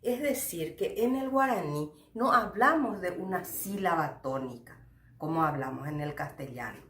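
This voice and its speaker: A woman teacher from Paraguay with a Paraguayan accent giving a recorded lecture, talking in a slow, didactic way with frequent tag questions. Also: fairly low pitch, animated, a bit bright, roomy sound. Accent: Paraguayan Spanish. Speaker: university Guarani teacher.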